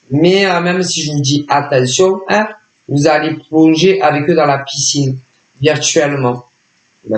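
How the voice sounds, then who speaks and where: A man's voice: a little high, echoey room, poor audio. A man giving a casual spoken tarot reading as a psychic, hesitant and repetitive, full of filler words. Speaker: psychic reader.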